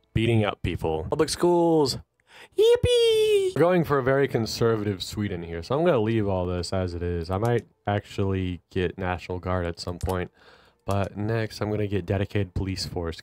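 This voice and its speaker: A fairly low-pitched man whose voice sounds stuffy and nasal from allergies. He talks through a strategy game in a chatty, wry way, thinking aloud as he plays. It is casual gaming commentary. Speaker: gaming channel host.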